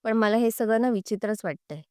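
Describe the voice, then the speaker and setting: A woman's voice: fairly high pitch, brisk, dark tone, clean tone, dry recording, clean studio sound, lightly acted. A woman reading the lines of a complaining young husband in a serial recap. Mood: doubtful. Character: grumbling young husband, a hospital worker.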